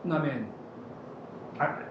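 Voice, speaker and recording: A man's voice: slow pace, lo-fi sound. A man from Peru with a Peruvian Spanish accent, leading an interactive writing seminar and often asking the room "correct?". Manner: animated, asks the room, often tags "correct?". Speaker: workshop leader. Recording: echoey room, faint noise.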